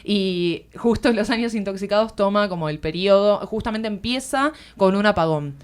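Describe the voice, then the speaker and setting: In a radio studio, a literary columnist with an Argentine accent gives a conversational book review. Her mid-range voice is smooth and moves at a normal speed as she explains earnestly, searching for words.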